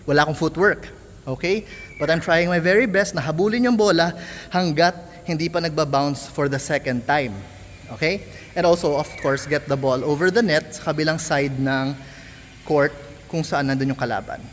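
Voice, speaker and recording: A man's voice: fairly high pitch, moderate pace. A young Filipino man with a Filipino accent, candidly explaining himself as an amateur tennis coach in a casual vlog. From Philippines. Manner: candid, apologetic, mixing English into Tagalog. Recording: long hall reverb, faint ambient noise.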